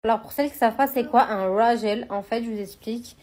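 A woman's voice: fairly high pitch, quick pace, darkish tone. A young woman chatting casually in a vlog, often turning to her viewers as girls. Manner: chatty, keeps addressing viewers as "les filles". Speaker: vlogger. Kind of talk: casual vlog chat to followers.

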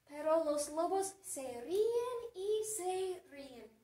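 A woman's voice: very high-pitched, very animated, slow pace, dark tone, reverberant, recorded from a distance, exaggerated voice. A woman voicing a timid young mouse who feels ashamed and tearful, speaking in a small, pleading voice as part of a classroom story.

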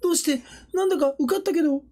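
A man voicing a small, timid, childlike cartoon creature in a high, soft, drawn-out voice, sounding wistful.

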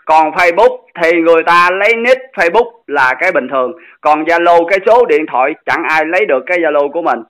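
A man confronts the other side of a phone call and keeps pressing for an answer. His voice is bright and forceful, pitched a little high, and he talks fast. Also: animated. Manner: insistent, demanding, confrontational. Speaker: channel host in a dispute. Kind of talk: heated phone argument.

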